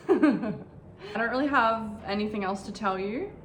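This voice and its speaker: Slow, candid woman in her twenties. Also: medium pitch, reverberant, slight background noise. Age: 20s. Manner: candid and reflective, unhurried. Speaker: vlogger. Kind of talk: casual personal vlog. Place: bedroom in her new home.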